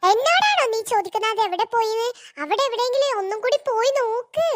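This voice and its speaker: Woman doing a scolding cartoon mother, high-pitched. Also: animated, fast talker. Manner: scolding, curt.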